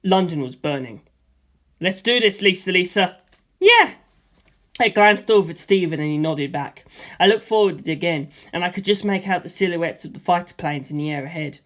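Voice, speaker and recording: Here an audiobook reader tells a first-person adventure tale at a middle pitch, keeping each line as calm and unhurried as the last. The scenes unfold in a plain, steady way.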